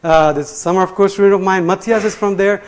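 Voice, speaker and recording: A man with a fairly high voice gives a live technical talk in front of a room. His delivery is loose and conversational, full of fillers and restarts, and he chuckles at his own slips. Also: steady tone, quick pace. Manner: loose and chatty, many fillers and restarts, laughs at himself. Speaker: conference presenter. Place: lecture room before an audience.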